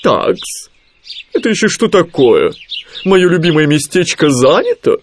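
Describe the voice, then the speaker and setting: A man voicing a fussy, bossy female owl in a storybook, speaking loudly and indignantly. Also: medium pitch, wildly swooping pitch, a little slow, background noise.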